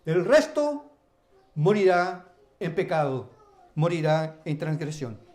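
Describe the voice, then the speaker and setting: High-voiced, slow-preaching pastor. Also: male voice, sing-song, darkish tone. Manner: emphatic preaching in long repeated lists. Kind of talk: sermon.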